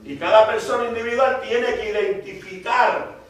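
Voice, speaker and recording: A man's voice: high-pitched, normal speed. A man preaching fervently at a church Bible study, with an emphatic cadence. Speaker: pastor. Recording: echoey church hall, distant mic.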